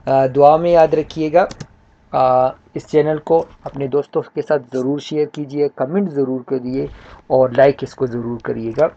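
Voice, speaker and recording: Slow, patient male teacher, dull audio. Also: mid-range voice, fairly even intonation, warm tone. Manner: slow, patient, repeats each word and its meaning. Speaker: English teacher. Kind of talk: textbook lesson explaining in Urdu. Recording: dull lo-fi sound.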